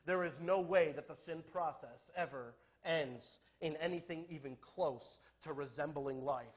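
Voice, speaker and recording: A male pastor delivers a sermon in a church, his voice sitting a little high for a man. He talks candidly and conversationally, then swells into loud, emphatic peaks. The recording sounds dull and lo-fi. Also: moderate pace.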